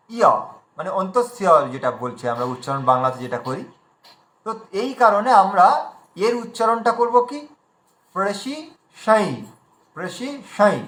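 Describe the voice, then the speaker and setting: A man's voice: high-pitched, sharp tone, reverberant. A man teaching an online pronunciation class, patiently spelling out letters one by one as he shares his screen.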